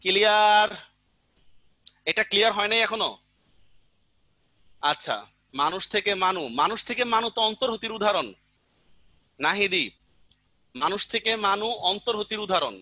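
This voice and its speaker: A man's voice: high-pitched, normal speed, pauses often, pushed and bright, dry recording. A male teacher giving an online grammar lesson, patiently repeating examples and often asking the class whether they understood. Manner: keeps asking students check questions.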